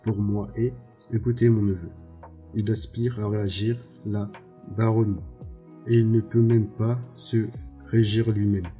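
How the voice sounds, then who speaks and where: A man's voice: fairly low pitch, level tone, measured pace, highs cut off, faint music behind, close to an everyday voice. A man voicing a petulant, impatient young nobleman.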